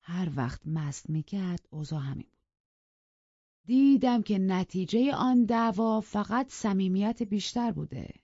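A woman narrating an audiobook in an even, measured storytelling manner. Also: medium pitch, no echo, muffled recording. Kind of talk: scripted narration.

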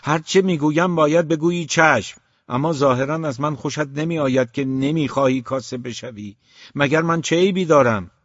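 Angry stubborn dad yelling at his kid, guy reading it in his own low voice, kinda muffled dry audio. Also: dry recording, natural voice. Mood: furious. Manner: scornful, shouting outbursts. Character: stern, stubborn, hot-tempered middle-aged father.

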